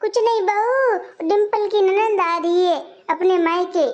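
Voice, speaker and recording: A performer playing a soft-hearted elderly mother who gently placates her family in a comic skit. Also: very high voice, fairly even intonation, takes it slowly, muffled recording. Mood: worried. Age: older.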